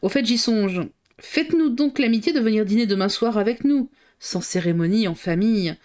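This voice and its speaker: A woman voicing a calm, kindly older male detective who speaks in a measured, good-natured way. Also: mid-range voice, close to an everyday voice.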